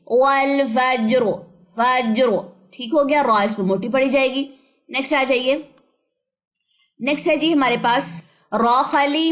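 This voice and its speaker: A woman teaching an online recitation lesson, patiently repeating examples slowly and mixing in English terms. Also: a little high. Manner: mixes English terms into her talk.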